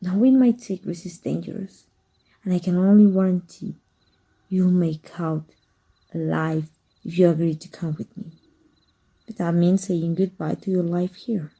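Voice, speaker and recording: Voicing a cunning, secretive instructor of dark magic for ASMR, a woman from Mexico speaks softly and measuredly before drifting into whispers. Fairly low and fairly even, her husky, dark tone frays gravelly at the ends of phrases, though the audio is poor.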